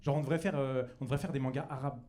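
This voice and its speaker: Rapid-fire and dark in tone, a young man's medium-pitched voice stays fairly even through a comedy club stand-up set. He rambles casually with plenty of fillers and restarts, puts on silly voices, and draws laughter from the audience.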